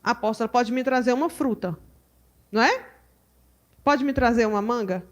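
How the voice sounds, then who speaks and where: A Brazilian woman teaching at a women's church conference, animated and full of rhetorical questions to her audience. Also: fairly high pitch, moderate pace. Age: adult mother. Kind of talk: lively teaching talk to a live audience.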